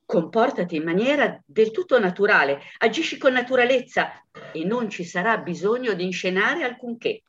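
A woman voicing a young wife who feigns shocked grief, talking in a high, breathless, pleading rush. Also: lively intonation, normal speed, fairly bright tone, close to an everyday voice. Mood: calm. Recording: dull lo-fi recording.

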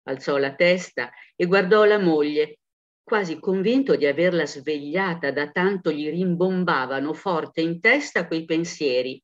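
A man reading a story aloud in an even, quiet narration. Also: a little high, unhurried. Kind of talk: audiobook reading. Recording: muffled, dull recording.

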